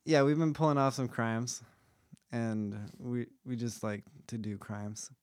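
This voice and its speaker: A man's voice: medium pitch, a little mellow, clear, resonant tone, no room sound, studio quality. Laid-back young man hosting a podcast. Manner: laid-back, joking, quick asides. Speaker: podcast host. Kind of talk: casual explainer chat.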